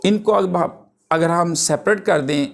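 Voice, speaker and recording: A man teaching a linguistics lesson, drawing out English terms and example words slowly and deliberately. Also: sits high, vocal fry. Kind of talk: lecture.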